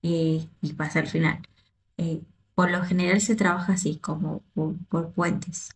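A woman from the Río de la Plata region, a choreographer and dance teacher giving excited, casual reaction commentary, repeating herself and restarting often. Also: on the low side, a little slow.

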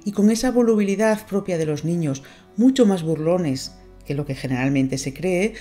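A woman narrating an audiobook, reading a novel in a measured, expressive way. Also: fairly low pitch, faint music behind.

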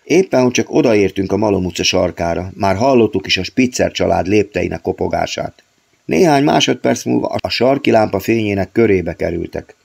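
A man narrating an audiobook of his own novel in a steady storytelling read. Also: low-pitched, vocal fry, slightly rough.

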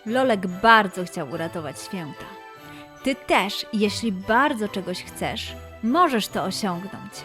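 A woman reads a scripted children's story in her mid-range voice, narrating expressively with dramatic pauses and emphasis. Faint music plays behind her.

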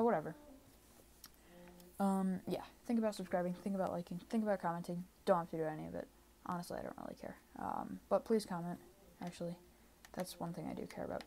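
A woman's voice: on the low side, gravelly, warm tone, a little hiss or hum. A woman doing casual gameplay commentary at home, always sounding tired, offhand and rambling. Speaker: gaming channel creator. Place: home room. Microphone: desk microphone.

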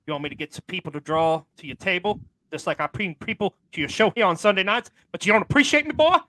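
A man voicing a loud, boastful veteran wrestler who bullies the hosts and calls them boy. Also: high-pitched, lively intonation, fast talker, dry recording, poor audio. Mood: grudging.

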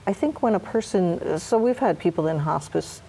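A middle-aged woman, a hospice nurse educator, answering interview questions in a soft, halting, hesitant way. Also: on the low side, animated, gravelly, a little hiss or hum, rough recording. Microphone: lapel mic.

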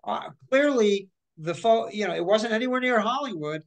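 Joining by video call from her living room, a guest voice actor in her forties tells stories in a casual interview, chatty and animated, gesturing with her hands and often breaking off to restart sentences. Her voice is on the high side and her pace is normal.

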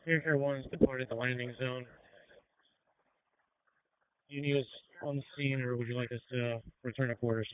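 A man's voice: mid-range voice, steady tone, moderate pace, long pauses, smooth. Male firefighter reporting on crackly radio. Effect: crackly two-way radio. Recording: phone-like crackly radio scanner audio.

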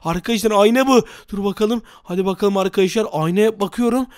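A man's voice: high-pitched, fast talker, a little mellow, no room sound, studio quality. A young man hosting a game video, narrating with dramatic, easily frightened reactions. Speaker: gaming video host. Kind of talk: excited game commentary.

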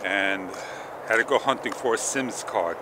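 With a voice on the low side, a middle-aged man wanders a park path in the morning, filming a casual walk-and-talk vlog on an action camera held at arm's length. He rambles calmly and pauses often while thinking aloud, sucking on candy to ease a mildly sore throat. Outdoor ambience and passing traffic can be heard behind him.

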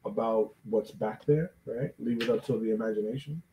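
A man's voice: medium pitch, moderate pace, warm tone, slight background noise, poor audio. A man, an artist drawing on a live stream, talking casually in an easygoing, thoughtful way. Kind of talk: casual chat.

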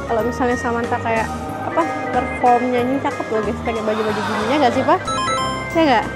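A woman's voice: a little high, fairly even intonation, fairly quick, loud music behind the voice. A young woman and mother chatting casually to her viewers while walking through a shopping mall, filmed on a handheld camera. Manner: chatty, addresses viewers as guys, playful laughs. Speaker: mother and vlogger. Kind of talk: casual family vlog chat. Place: indoor shopping mall, then car.

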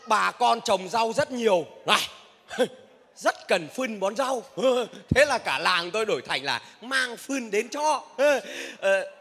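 A man performing a stage comedy sketch as a motorbike taxi driver, loud, boastful and bantering. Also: sits high. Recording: reverberant hall.

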